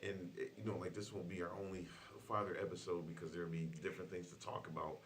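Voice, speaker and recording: A man's voice: low voice, little pitch movement, quick pace, a bit bright. A man hosting a casual podcast chat, laid-back, with lots of fillers and laughter. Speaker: podcast host. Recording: faint hiss.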